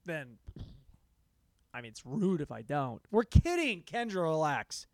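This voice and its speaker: A young man hosting a solo comedy podcast, rambling in a sarcastic, self-mocking way, jumping between loud bursts and mumbled asides. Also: a little high, animated, measured pace, no room sound, clean studio sound. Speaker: podcast host.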